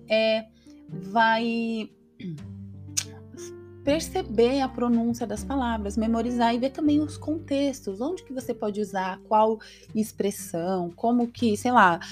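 Her voice a little high with a darkish tone, this Brazilian-accented podcast host chats her way through a casual English lesson. As a teacher, she keeps dropping in "tá?" and "entendeu?" to check on listeners.

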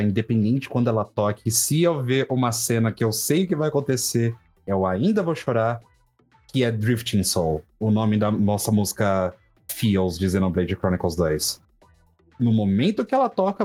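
A man's voice: on the low side, a little mellow. A man with a Brazilian Portuguese accent talking casually and enthusiastically as a podcast participant. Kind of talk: casual, personal game discussion.

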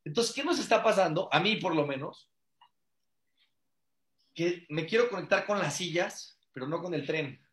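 High-voiced man teaching in echoey room. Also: expressive, normal speed, pauses often. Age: adult father. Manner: earnest, repeats phrases for emphasis, many rhetorical questions. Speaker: rabbi teaching a class. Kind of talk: conversational religious teaching.

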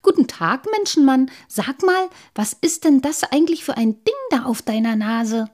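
A woman's voice: high-pitched, lively intonation, moderate pace, darkish tone, voice pushed up. A woman voicing a cheeky little male water sprite, bold and teasing. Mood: friendly. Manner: pert, defiant, teasing.

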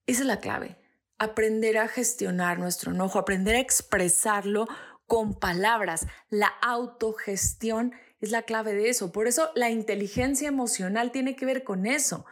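A woman in her thirties hosting a podcast, explaining ideas in an earnest, teaching monologue that climbs in pitch to stress a point. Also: normal speed. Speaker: podcast host.

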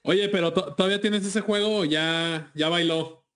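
A man's voice: high voice, fairly even intonation, normal speed, a bit bright. A Mexican man in a casual, slangy chat.

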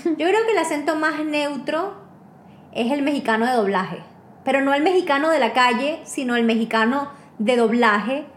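Venezuelan woman, high bright voice, enthusiastic chat, echoey room. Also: lively intonation, normal speed, a little hiss or hum. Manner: enthusiastic, gushing. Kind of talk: casual chat.

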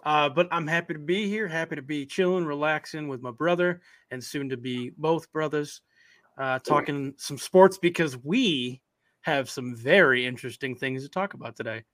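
A young man co-hosting a casual sports podcast, easygoing and opinionated, talking in quick bursts. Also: on the high side, a bit bright. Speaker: podcast co-host.

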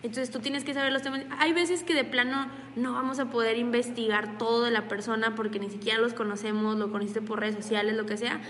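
A woman's voice: on the high side, steady tone, fairly quick, few pauses, fairly bright tone, echoey room, big-room sound, slight background noise. A woman with a Mexican accent giving a chatty motivational talk as a network marketing coach, recorded at home, acting out little dialogues as she goes. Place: at home in pajamas.

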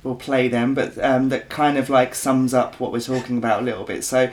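A man's voice: medium pitch, little pitch movement, a little fast. A British man co-hosting a casual podcast. He is blunt and likes to tease, speaking in a mid-range male voice. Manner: blunt, teasing. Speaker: podcast co-host. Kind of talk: casual chat.

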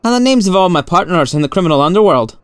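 A man's voice: high voice, sing-song, smooth, dry recording, clean studio sound, pitched above the performer's own voice. Man playing Moriarty, a polite criminal mastermind. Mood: placid. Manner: mild, polite, measured. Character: placid criminal mastermind professor, coolly menacing man.

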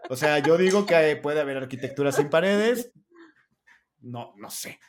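A man's voice: on the high side, lively intonation, unhurried. A young man, co-hosting a casual podcast, playful and rambling with hesitant restarts. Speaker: podcast co-host. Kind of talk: casual chat.

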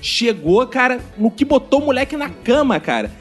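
A man with a Brazilian Portuguese accent hosting a casual comedic podcast, telling slangy, profane anecdotes in an animated way. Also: extremely high pitch, moderate pace, faint music behind. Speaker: podcast host.

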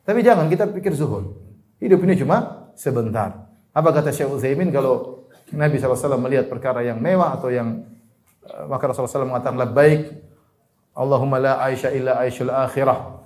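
A man's voice: quick pace, long pauses. Emphatic preacher, man. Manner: swings between raised emphatic points and soft, low asides. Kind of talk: Islamic sermon to a congregation.

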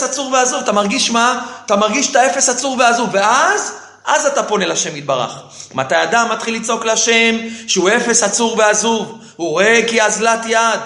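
A man's voice: very high-pitched, pushed and bright, echoey room. A man giving a sermon as a rabbi who keeps asking rhetorical questions and answering them himself, with key phrases repeated for emphasis. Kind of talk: sermon with storytelling.

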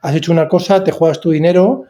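A man hosting a casual podcast, talking in a chatty, halting way full of fillers and restarts. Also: fairly high pitch, steady tone, dark tone. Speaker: podcast host.

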